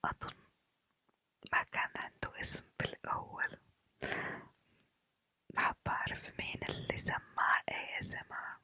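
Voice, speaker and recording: Woman, hushed night-time whisper, sharp airy brightness, halting casual ASMR chat. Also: no echo. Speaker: ASMR video creator.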